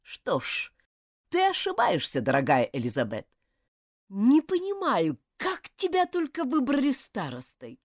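A woman's voice: fairly high pitch, wildly swooping pitch, unhurried, no room sound, studio quality, voice pushed up, full character voice. A woman reading an audiobook, voicing a proud, hot-tempered schoolboy who talks in an indignant, clipped, scornful way.

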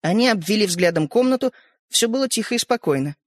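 A man narrating a children's story in an expressive, animated way. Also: high voice, fast, no echo, clean studio sound.

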